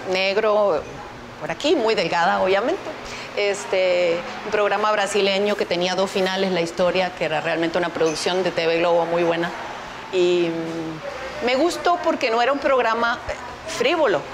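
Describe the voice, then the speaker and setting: A Uruguayan woman in her fifties, speaking Spanish with a Uruguayan accent, chats casually as a guest in a TV interview, recorded on a lapel mic in a studio with a stone backdrop. Her mid-range voice moves at a moderate pace, and she's lively and animated, laughing easily and gesturing with her hands over some background noise.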